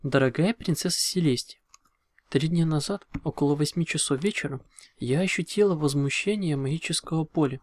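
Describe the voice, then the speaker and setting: A man's voice: fairly high pitch, brisk, no echo, close to an everyday voice. A man reading a formal letter written by a studious female unicorn in an audiobook.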